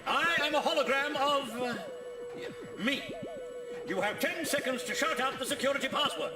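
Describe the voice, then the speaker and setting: Very high-pitched, echoey cartoon colonel. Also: male voice, normal speed. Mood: officious. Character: eccentric, proud military colonel as security hologram. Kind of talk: animated cartoon voice acting. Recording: echoey, distant, loud music behind.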